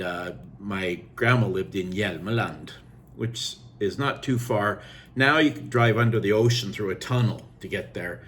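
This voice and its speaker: A Norwegian-accented man in his sixties tells old stories in a rambling, unhurried way, with fillers. His voice sits fairly low, and a faint background noise runs underneath. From Norway. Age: 60s. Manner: rambling, warm storytelling with fillers and switches into Norwegian. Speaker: vlogger. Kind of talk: casual reminiscing monologue.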